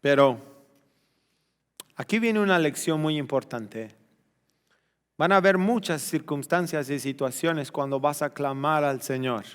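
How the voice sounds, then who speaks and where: A male pastor preaching a sermon, questioning the congregation and swinging from loud exclamations to hushed, slow emphasis. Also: medium pitch, clear, resonant tone, in a large hall. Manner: addresses the congregation directly with questions.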